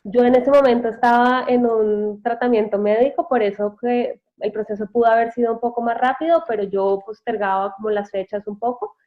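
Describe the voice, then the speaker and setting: Talking a little fast with few pauses, this woman from Bogotá, Colombia keeps a steady tone at a fairly high pitch. She is an immigrant guest answering casual interview questions over a tinny call line, thoughtful, with hesitations and self-corrections.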